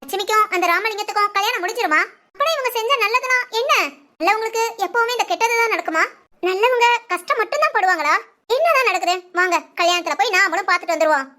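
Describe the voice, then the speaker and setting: A woman's voice: very high voice, animated, fast talker, pushed and bright. A woman narrating a dramatic village story, emotive and full of rhetorical questions.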